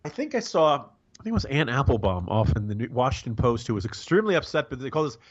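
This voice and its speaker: A man's voice: mid-range voice, big pitch swings. Wry American man, slightly dull lo-fi sound. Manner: halting, rambling, wry and sarcastic. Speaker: podcast co-host and political commentator. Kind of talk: casual wry political commentary.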